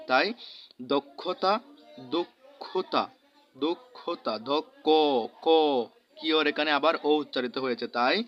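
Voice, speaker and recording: Bright-voiced Bangladeshi man teaching pronunciation. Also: a little high. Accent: Bangladeshi Bengali. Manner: slow, repeats each example word. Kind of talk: grammar lesson. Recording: dull lo-fi recording.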